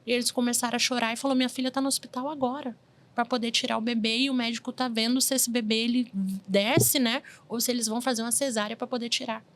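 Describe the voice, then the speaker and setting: This woman, a medium from Brazil in her forties, speaks on the high side at a quick pace. Sharing her life story in a relaxed interview, she's an animated storyteller who acts out quoted voices.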